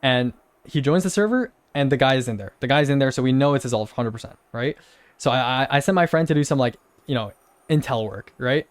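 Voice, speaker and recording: A young streamer tells a long, rambling story as a casual rant, repeating himself and breaking into incredulous laughs. His medium-pitched voice runs a little fast, with no echo.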